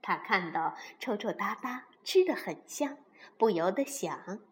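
A woman reading a children's story aloud in an expressive, animated way. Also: medium pitch, a little slow.

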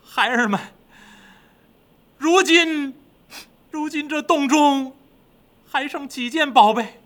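A man voicing a grieving, vengeful male demon king who gives orders in a slow, solemn, commanding way. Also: very high-pitched, lively intonation, sharp tone, pitched above the performer's own voice, heavily acted.

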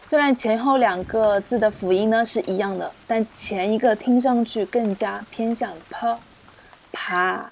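Slow, patient woman teaching pronunciation. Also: a little high, vocal fry, a little mellow, a little hiss or hum. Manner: patient, repeats sounds slowly for learners. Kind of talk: slow, clear teaching explanation with drilled syllables. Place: indoors, rain heard outside.

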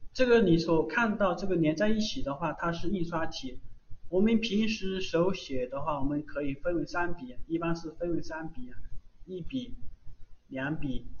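A man teaching beginners Japanese kana in a slow, patient lesson, repeating each sound several times. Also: fairly high pitch, lo-fi sound, a little hiss or hum. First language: Chinese.

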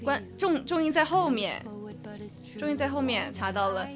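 Woman, Sichuan accent, lively co-host, fairly high pitch, background music. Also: normal speed. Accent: Sichuan Mandarin. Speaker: podcast co-host. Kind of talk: casual chat. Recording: music playing behind.

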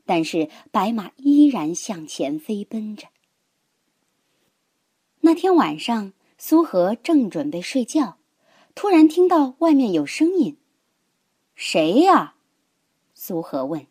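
A woman narrating a children's story in a gentle, expressive, dramatic way. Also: medium pitch, slow, breathy edge, dry recording, studio quality.

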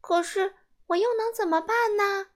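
An upset young boy from a storybook, quick to anger, as a woman reads him. The voice sits high and swings around a lot, agitated and childlike. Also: sing-song, a bit bright. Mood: eager.

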